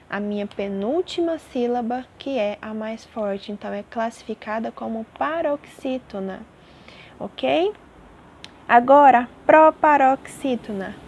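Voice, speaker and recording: Patient woman teacher, slightly high voice. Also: darkish tone. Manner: patient, repeats terms and checks in with "tá bom?". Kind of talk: classroom lesson explanation.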